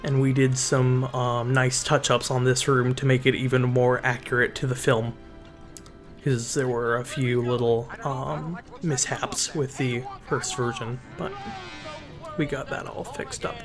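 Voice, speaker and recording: A man giving relaxed, casual voice-over commentary on a Minecraft build, often pausing with ums and restarting sentences. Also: medium pitch, faint music behind.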